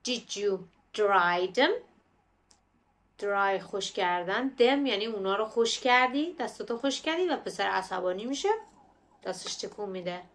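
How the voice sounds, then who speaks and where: A woman language teacher explaining words slowly and patiently, repeating phrases and drilling their pronunciation. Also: mid-range voice, animated, a bit bright. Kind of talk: explanatory lesson narration.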